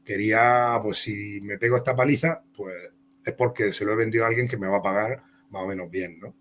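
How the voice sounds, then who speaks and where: Speaking a little fast in a fairly low, steady voice with a slightly bright quality, a Castilian-accented Spaniard shares career stories over a faint hiss or hum. He's a comic book author on an interview, and his talk is loose and meandering.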